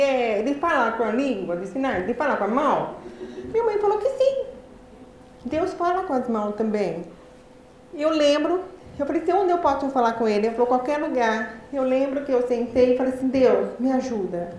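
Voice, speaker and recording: Woman, Brazilian Portuguese accent, high voice, deliberate effortful articulation, animated storytelling talk, very echoey hall. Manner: deliberate, effortful articulation of a speaker who learned speech late. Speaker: lecturer. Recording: very echoey hall, faint background noise.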